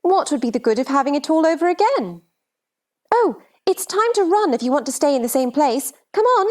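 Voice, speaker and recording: A woman's voice: sits high, very animated, brisk, a little mellow. A woman playing a scatterbrained, helpless queen in a theatrical children's storybook drama, fluttery and fussy. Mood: brisk, cheerful. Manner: fluttery, nonsensical insistence, crying out.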